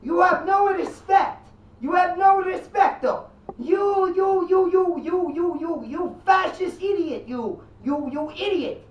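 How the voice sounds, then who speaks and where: A performer voicing an angry male Italian immigrant caller who stammers and shouts insults, in a put-on Italian accent. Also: very high-pitched, slow. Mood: sputtering rage. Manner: sputtering, stammering repeated words, shouting insults. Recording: echoey, distant, dull lo-fi.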